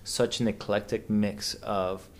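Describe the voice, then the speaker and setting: A man's voice: on the low side, level tone, slow pace. A man in his thirties from Venezuela, a podcast guest chatting casually and hesitantly, with many fillers and restarts. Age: 30s. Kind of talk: casual conversation.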